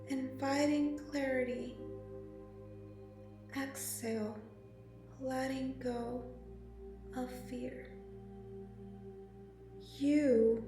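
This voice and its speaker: A woman speaking slowly and softly with long pauses, guiding a meditation. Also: high voice. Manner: slow, soft and soothing, with long pauses. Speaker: meditation guide. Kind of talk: guided meditation narration. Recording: very echoey, slightly distant, music behind. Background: meditation music and singing bowl.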